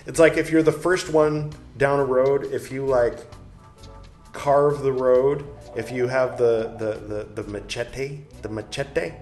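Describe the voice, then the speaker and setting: A man's voice: medium pitch, fairly even intonation, measured pace, darkish tone. A man reading a book aloud and breaking off into rambling, jokey asides of his own. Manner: rambling, jokey asides between read passages. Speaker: book reader and commentator. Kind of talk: casual reading with commentary. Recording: echoey room with faint music.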